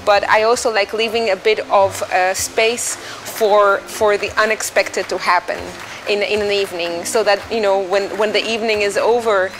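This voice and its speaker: Her mid-range voice stays steady at normal speed with few pauses as she, a thirties-aged Greek-accented musician, thoughtfully answers an interviewer, full of fillers and restarts. The rough recording, made in a dim indoor restaurant or bar, carries soft music and slight background noise.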